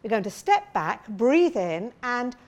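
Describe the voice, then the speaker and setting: Woman voice coach, high lively voice, encouraging, demonstrates warm-ups. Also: measured pace. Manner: encouraging, demonstrating sounds with big slides and shouts. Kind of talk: vocal warm-up lesson.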